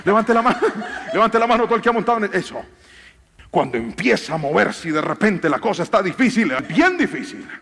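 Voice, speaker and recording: A man's voice: high voice, big pitch swings, brisk, gravelly, a bit bright. A man preaching a theatrical sermon from a stage, directing volunteers. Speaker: pastor. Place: large church hall with audience. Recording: long hall reverb, faint music.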